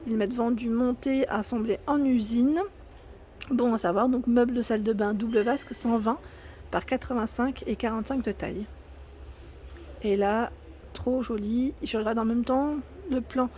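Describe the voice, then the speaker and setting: In a warm voice on the high side, a French-accented woman chats eagerly as she walks through a large indoor home improvement store, reading off prices and sizes for her shopping vlog. She speaks at a normal speed with fairly even intonation, and a little hiss or hum can be heard.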